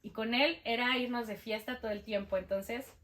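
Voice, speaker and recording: Young Mexican woman, Mexican accent, high-pitched, animated interview guest acting out quotes. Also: moderate pace. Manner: lively, acts out quoted dialogue. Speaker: guest sharing testimony. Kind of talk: casual storytelling interview.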